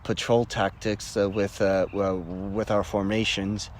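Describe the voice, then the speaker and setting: With a fairly low, flat voice and an unhurried pace, a young former Marine from Canada recounts his stories casually for an interviewer over a faint hiss or hum. He laughs a lot, trips over fillers and restarts, and performs the voices he quotes.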